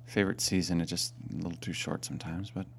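A man's voice: sits low, fairly even intonation, fast talker, gravelly, a little hiss or hum. A man who is a parish priest, chatting casually and amiably on a podcast. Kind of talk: casual chat.

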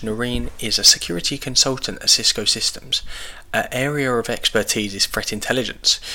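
A man's voice: fairly low pitch, pushed and bright. A man reading a scripted podcast introduction as the announcer.

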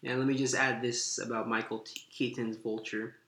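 A man's voice: mid-range voice, level tone, normal speed, bright, forceful tone, echoey room. A man co-hosting a casual movie chat, enthusiastic and leading the rundown.

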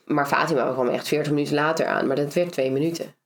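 A woman with a notably low-pitched voice talks casually as an interview guest. She is from the Netherlands and tells her story lively, leaning on fillers along the way. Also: fast talker. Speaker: interview guest, former reality show finalist. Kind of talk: casual conversation.

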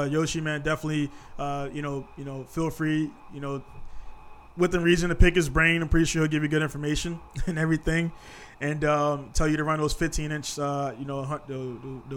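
A man's voice: fairly high pitch, a bit bright, smooth. A man in his thirties hosting a casual podcast chat, laid-back and peppering his talk with "man". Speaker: podcast host.

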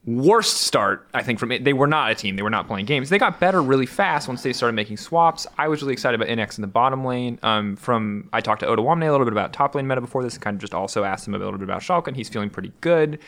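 A man's voice: medium pitch, expressive, fast, few pauses, a bit bright. Laid back guy hosting an esports chat, rambly, lots of ums. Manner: easygoing, rambling with fillers. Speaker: esports caster and host.

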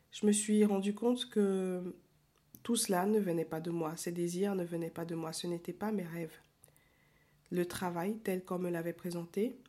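A woman in her forties, tired and with a cold, hosting a podcast in a slow, hesitant personal monologue. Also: lowish voice. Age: 40s. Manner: soft, slow and hesitant, with frequent pauses. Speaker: podcast host.

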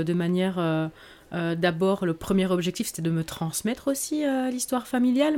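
A woman answers questions in a podcast interview. She sounds reflective and unhurried, often pausing on fillers as she searches for words. Her pitch sits in the middle range. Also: darkish tone. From Belgium. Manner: reflective, hesitant with frequent fillers. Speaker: author guest.

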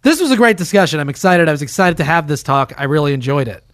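A man from New Jersey hosting a podcast, talking in casual, animated conversation with filler words and the occasional swear. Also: on the high side, fast, no room sound, clean studio sound. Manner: animated, swearing, frequent "like" and "you know". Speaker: podcast host.

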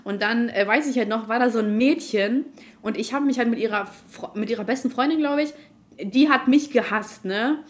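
A woman's voice: fairly high pitch, moderate pace. A woman in casual chat, retelling arguments with lots of fillers, slang and acted-out quotes. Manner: colloquial youth slang.

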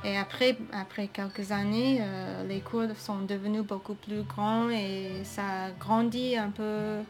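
A woman's voice: mid-range voice, fairly even intonation, unhurried, faint music behind. A woman from the United States, a native English speaker, speaking French with an American accent as an interview guest. She talks hesitantly and often searches for her words. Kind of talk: interview conversation.

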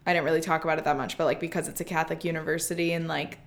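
Young woman co-host, casual podcast chat, lower pitch, lots of "like"s. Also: flat delivery, rapid-fire. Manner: chatty, many "like" fillers and restarts.

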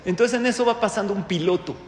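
A man with a Mexican accent, a rabbi giving an animated sermon full of stories and rhetorical questions. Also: high-pitched, quick pace. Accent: Mexican Spanish. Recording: echoey hall with faint noise.

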